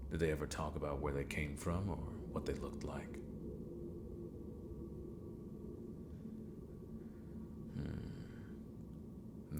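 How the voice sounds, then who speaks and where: This fantasy ASMR roleplay features a man in full character as a villain mentor, his very deep voice gravelly and creaky. Slow, formal and theatrical, he comes across as polite, scheming and slightly unhinged, curiously probing and occasionally muttering to himself, with noticeable background noise.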